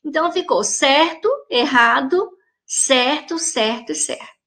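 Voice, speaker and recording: In a high-pitched, expressive voice with a sharp tone, a woman with a Brazilian Portuguese accent delivers a recorded grammar lesson for kids. She takes her time, explaining things carefully to her pupils.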